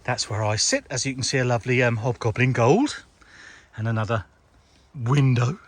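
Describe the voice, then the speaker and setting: Inside a large tent at a campsite, a British vlogger gives a tour, chatting and joking casually and laughing often. His voice is mid-range and husky, at a moderate pace.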